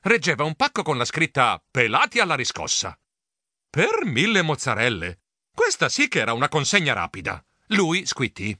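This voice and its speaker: A man narrates a children's story with a very lively, swooping delivery and a bright, forward tone. His reading is playful and expressive. The recording is close and completely dry. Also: fairly high pitch, moderate pace, no echo. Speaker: audiobook narrator.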